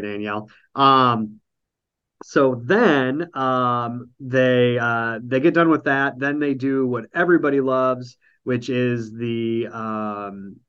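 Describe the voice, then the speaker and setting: A podcast host with a nasal, mid-range voice, a bit bright and clean in tone, recaps a reality show over an online call. He rambles casually with lots of ums and dry jokes, and the sound is lo-fi.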